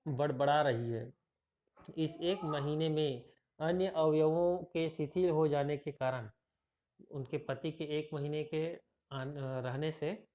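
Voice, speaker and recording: Man explaining a story lesson, lo-fi. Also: fairly high pitch. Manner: rambling with repeated fillers. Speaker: teacher. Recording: dull lo-fi recording.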